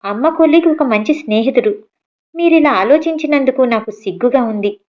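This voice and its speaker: Earnest college girl, a bit high and pushy, woman narrator doing her, dull lo-fi audio. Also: expressive, moderate pace. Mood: firm. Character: college-age daughter, pleading and firm.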